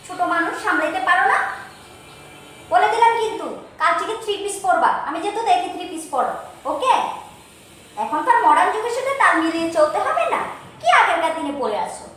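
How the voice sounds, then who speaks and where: A woman's voice: extremely high pitch, bright, forceful tone, heavily acted. A woman acting out a kind, fussing mother-in-law in a home skit, doting but bossy. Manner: doting and bossy, calls everyone ma. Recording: echoey room, voice from far off, faint hum.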